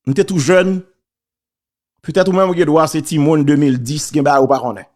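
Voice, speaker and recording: A man's voice: on the high side, fairly even intonation, brisk, darkish tone. A man with a Haitian accent giving casual spoken commentary on church and politics, preachy and emphatic, repeating key phrases.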